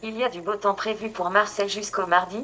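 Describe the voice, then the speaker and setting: A synthesized female voice assistant speaking from a phone speaker in a smooth, evenly paced machine delivery. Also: medium pitch, fairly even intonation, quick pace. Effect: synthetic text-to-speech assistant voice played from a phone speaker. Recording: faint phone speaker picked up from a distance, noisy background.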